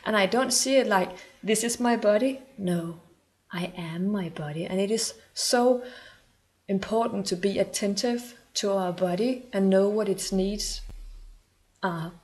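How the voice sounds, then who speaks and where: Speaking a little slowly in a slightly mellow, medium-pitched voice, a spiritual coach from Denmark addresses the camera earnestly in English, her second language, with a Danish accent. At times she pauses to find the right word.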